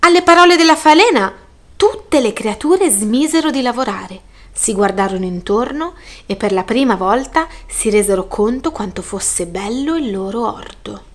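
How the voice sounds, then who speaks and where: A woman reading a children's picture book aloud, gentle and lively. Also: medium pitch, a little slow. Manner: gentle, lively read-aloud with voiced characters. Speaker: storyteller.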